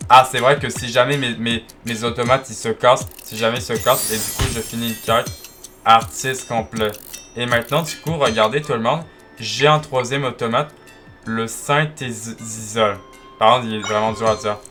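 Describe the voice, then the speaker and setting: A man commenting casually on his gameplay, chatty and talking straight to his viewers, often restarting his sentences. His voice sits at a middle pitch, with game music clearly playing underneath. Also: steady tone, a little fast, bright, forceful tone. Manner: chatty, full of restarts, addresses viewers directly. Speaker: gaming video creator.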